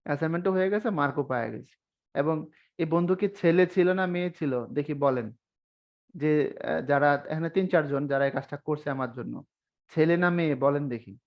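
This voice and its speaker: A young man teaches an online exam-prep class on spelling. His voice sits a little high, and he keeps the lesson chatty, teasing his students and tossing them questions. The sound is dull and lo-fi, like a streamed class. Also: moderate pace.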